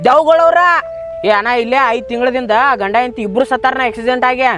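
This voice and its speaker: A man's voice: very high voice, fast, a bit bright, slight background noise. A man with a North Karnataka Kannada accent in a comic sketch, earnestly warning another villager. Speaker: sketch actor.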